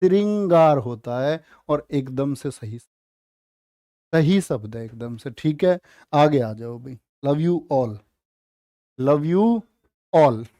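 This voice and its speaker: Male tutor for a live class, high voice, unhurried, playful and teasing. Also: lively intonation, mellow, no echo, clean studio sound. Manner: playful, teasing, drawn-out spelling of words. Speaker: Hindi teacher. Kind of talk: live online exam-prep class.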